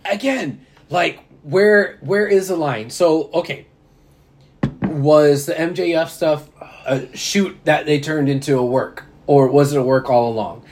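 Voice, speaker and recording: A man's voice: fairly high pitch, measured pace, a little mellow, slight background noise. Rambling, laughing man chatting casually. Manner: rambling, self-interrupting, laughs often. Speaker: podcast co-host. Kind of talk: casual wrestling chat.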